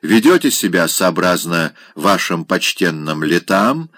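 A man voicing a coarse older male general who loudly mocks a lady with a marriage proposal, in an audiobook reading. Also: low voice, sing-song, no echo, full character voice. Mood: mocking. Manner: loud, mocking, drawn-out exclamations.

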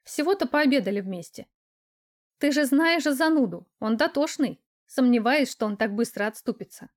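A woman's voice: high voice, animated, moderate pace. A woman reading the lines of a sensible, skeptical young female friend in an audiobook. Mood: doubtful.

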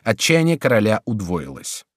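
A man narrating an audiobook novel in a measured, expressive reading. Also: lowish voice, no echo, studio quality. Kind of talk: scripted narration.

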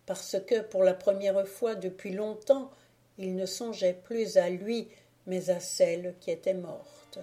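A woman reading a classic novel aloud as an audiobook, in a measured, dramatic way. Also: medium pitch, warm tone. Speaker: audiobook reader. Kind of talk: scripted audiobook narration.

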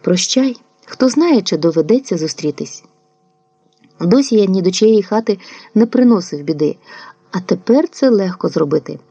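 A woman narrating a literary audiobook in a calm, measured way. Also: medium pitch, slightly rough, dry recording. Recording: dull lo-fi dry recording.

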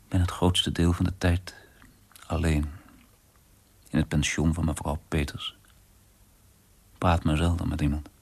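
Deep gravelly man reading a diary aloud. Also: flat delivery, measured pace, pauses often, darkish tone. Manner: introspective, often dropping to a husky near-whisper. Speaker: narrator reading a diary-form novel. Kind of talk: first-person literary reading for radio.

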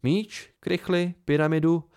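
A man's voice: on the high side, steady tone, darkish tone, clear, resonant tone, pitched above the performer's own voice, natural voice. A man voicing an earnest young female student who explains insistently.

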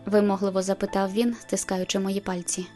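A woman's voice: mid-range voice, little pitch movement, brisk, a little mellow, soft background music. Woman reading a novel aloud. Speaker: audiobook narrator. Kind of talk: first-person novel narration.

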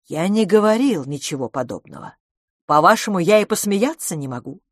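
A woman's voice: lively intonation, no echo. A woman doing a teasing, dry young man. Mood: mock-offended. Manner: slow, mock-serious, lower pitch.

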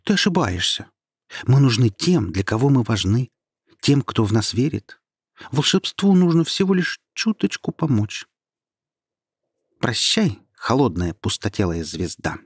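A man's voice: medium pitch, big pitch swings, unhurried, breathy edge, no room sound, studio quality, exaggerated voice. A man voicing a tiny hopeful female star in a storybook reading, speaking earnestly and pleadingly.

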